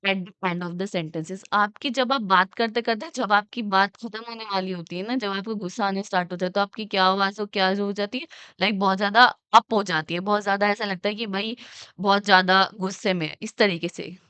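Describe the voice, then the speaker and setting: A young woman teaching an exam-prep lesson. She explains with everyday examples she acts out, reads definitions slowly, and keeps checking "okay?". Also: medium pitch, steady tone, fairly bright tone, clean tone, dry recording. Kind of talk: exam-prep lecture mixing Hindi and English.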